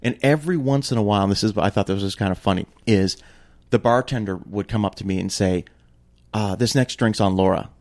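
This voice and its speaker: Talking fast, a man recounts a story in casual conversation; he's animated, swears freely, and his pitch leaps as he gets worked up.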